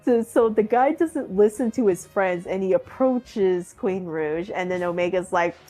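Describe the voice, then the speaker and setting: A woman's voice: mid-range voice, measured pace, warm tone, soft background music. A woman chatting casually on a stream, rambling with many fillers and frequent giggles. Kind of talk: casual chat.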